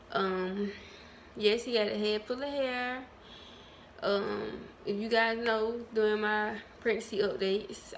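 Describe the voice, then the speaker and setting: A woman talking to her viewers in a casual vlog, candid and chatty, calling them y'all, with lots of ums and pauses. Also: mid-range voice, fairly bright tone, a little hiss or hum. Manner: many ums and trailing pauses. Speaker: vlogger.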